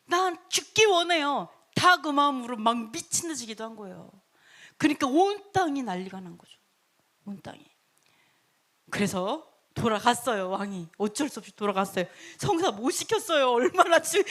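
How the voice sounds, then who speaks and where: A woman's voice: a little high, fairly bright tone. A woman teaching a Bible story lesson, retelling it dramatically and laughing often as she goes.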